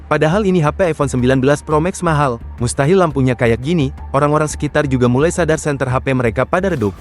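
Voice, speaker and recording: A man's voice: a little high, fast talker, faint music behind. A man narrating a horror comic recap in the first person, in a casual, slangy storytelling manner.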